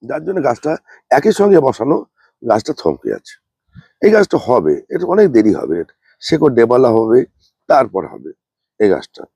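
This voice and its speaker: A man, unwell, giving a slow, plain, repetitive gardening demonstration as a channel host. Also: mid-range voice, huge pitch swings, dark tone, slightly rough, no echo, muffled recording. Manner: speaks slowly and plainly, repeating points.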